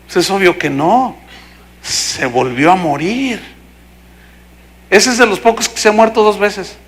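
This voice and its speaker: A man's voice: sits high, measured pace. A middle-aged Mexican man, a pastor preaching a sermon and acting out the voices of people in his stories. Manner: animated storytelling, acting out voices.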